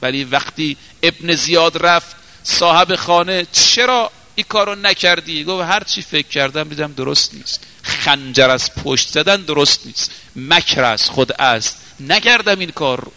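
A man preaching a sermon, telling a story dramatically and moving between raised exclamations and hushed, slowed passages. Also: a little high, expressive, long reverb tail.

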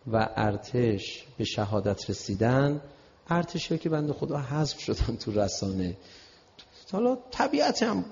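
An older man giving a sermon-style talk to an audience, animated and conversational, with many asides to his listeners and swings from low murmurs to loud emphatic peaks. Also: gravelly. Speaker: religious speaker. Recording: dull lo-fi sound with long hall reverb.

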